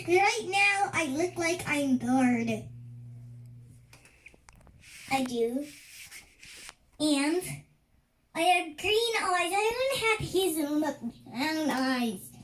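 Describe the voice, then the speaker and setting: A young girl voicing a sassy, whiny girl puppet in a squeaky ventriloquist dummy voice, complaining dramatically. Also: lively intonation, very slow, pauses often, heavily acted. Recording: echoey room.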